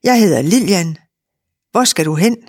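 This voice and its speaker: A woman reading aloud and voicing a big, brisk, middle-aged farm wife who talks a lot and gives orders, in a dry recording. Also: on the low side, animated, darkish tone, breathy edge, dry recording. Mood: chatty. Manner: bossy and chatty.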